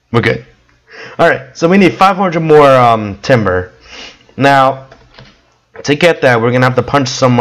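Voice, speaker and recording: A man giving casual gameplay commentary with a hoarse, worn voice, coughing now and then and rambling with many fillers. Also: mid-range voice, low-quality recording. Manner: rambling, with frequent ums and restarts. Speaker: gameplay video creator.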